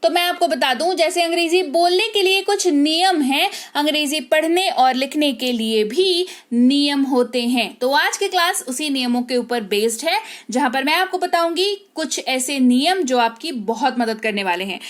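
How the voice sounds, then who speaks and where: A woman's voice: high-pitched, animated, normal speed. A woman teacher giving an online English spelling lesson, patiently explaining rules and repeating key words.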